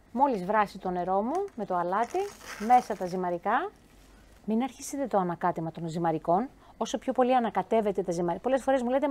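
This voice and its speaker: A woman chef giving a cooking demonstration, talking lively and chatty, speaking straight to her viewers. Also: medium pitch.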